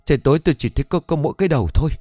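A man voicing a frightened, sharp-tongued old village woman who cries out and stammers. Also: racing, no room sound, studio quality, natural voice. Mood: panicked. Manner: shrill cries, stammering when panicked.

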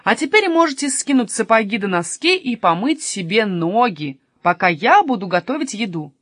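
Bossy, sharp-tongued aunt for a children's story, voiced by a woman, dry close sound. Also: a little high, sing-song, moderate pace, no room sound. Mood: scolding. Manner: sharp, commanding, scolding. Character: strict bossy aunt who rules the house. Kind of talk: storybook reading.

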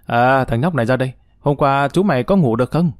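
A man's voice: mid-range voice, fast talker, dry recording, studio quality, close to an everyday voice. A man voicing a jovial, assured hero. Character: confident young man, calm leader, jovial.

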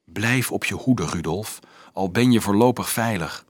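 A man voicing a sly young male student in a story, speaking in a low, teasing whisper. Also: unhurried, husky, dry recording.

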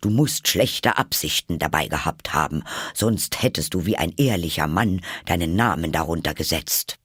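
A man's voice: low voice, expressive, moderate pace, fairly bright tone, breathy edge, no room sound, clean studio sound, full character voice. A man voicing a fussy, pompous storybook king who blusters and then mutters hastily. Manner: blustering, drops to a hasty mutter.

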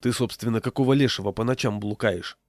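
A man doing a hoarse, gruff burly patrolman. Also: on the low side, fast, no room sound, clean studio sound, lightly acted. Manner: stern, mocking.

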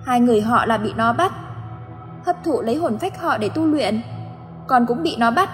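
A woman's voice: on the high side, animated, normal speed, big-room sound, soft background music, pitched above the performer's own voice, natural voice. A woman voicing the ghost of a drowned young boy, speaking in a tearful, stammering lament. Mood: tearful wailing.

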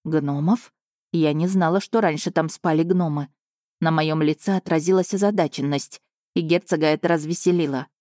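Low-voiced woman narrating an audiobook. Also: a little fast, no room sound, studio quality. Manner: calm, even first-person storytelling. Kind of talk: audiobook narration of a romance novel.

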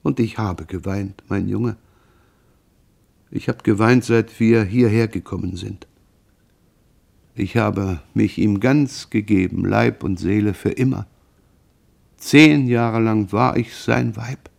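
A man reading the lines of a grieving, frightened mother in an audiobook, in a slow, mournful confessional manner. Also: on the low side, vocal fry, darkish tone, exaggerated voice.

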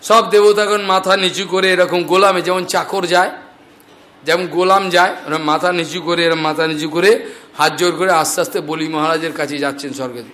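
A man with a high voice preaching a devotional story. He narrates with lively voices and slows down to chant scripture verses.

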